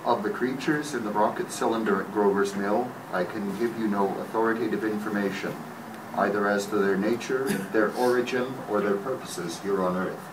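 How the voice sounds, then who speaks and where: A man playing a cautious, learned professor, speaking formally and deliberately in 1930s radio drama style. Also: on the low side, steady tone, close to an everyday voice. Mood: measured, cautious. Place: hotel conference room, live panel reading. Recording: distant echoey room recording, noisy.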